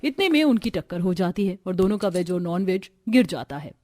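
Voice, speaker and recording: A woman narrating an animated family story in an even, explanatory way. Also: lowish voice, a little fast, no echo, clean studio sound.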